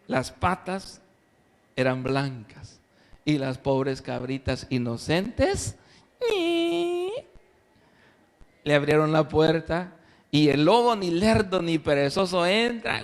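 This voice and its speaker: A man, a pastor telling a story in a playful, animated sermon, recorded in an echoey church hall. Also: fairly high pitch, measured pace. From El Salvador.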